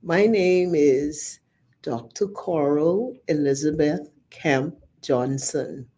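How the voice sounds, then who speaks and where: A Bahamian woman in her fifties giving a slow, heartfelt personal testimony. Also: low voice, warm tone. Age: 50s. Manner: slow, measured and heartfelt, reciting lyrics. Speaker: guest speaker.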